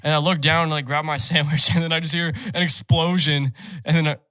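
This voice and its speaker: A man's voice: on the high side, little pitch movement, fairly quick, pushed and bright, clear, resonant tone, no echo. A young man co-hosting a casual podcast, telling rambling stories and laughing mid-sentence. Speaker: podcast co-host. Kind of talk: casual group chat.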